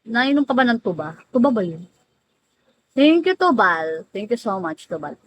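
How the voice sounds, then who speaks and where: A woman's voice: fairly high pitch, big pitch swings, moderate pace, a little hiss or hum, poor audio. A woman hosting a casual livestream, teasing viewers by name, laughing often and drawing out names. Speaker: livestream host. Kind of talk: casual live-stream chat greeting viewers.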